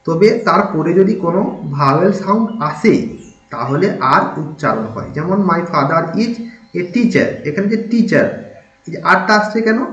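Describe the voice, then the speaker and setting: Guy teaching english, high voice, spells stuff out slowly, dull roomy recording. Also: a bit bright. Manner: patient, spells words letter by letter, asks checking questions. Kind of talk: spoken English lesson. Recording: dull lo-fi sound in an echoey room with faint noise.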